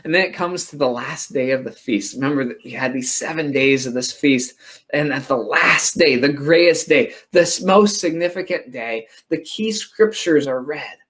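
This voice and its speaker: A man's voice: medium pitch, moderate pace, a bit bright. A man preaching a sermon, retelling scripture dramatically and repeating key phrases.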